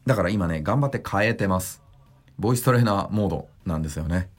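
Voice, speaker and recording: A male voice coach explains vocal resonance on his podcast, keeping his voice low and consciously chest-resonant. His delivery rises and falls expressively as he teaches and demonstrates sounds for listeners. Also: animated, soft background music. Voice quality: deliberately deep chest resonance. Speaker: voice trainer. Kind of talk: podcast voice lesson.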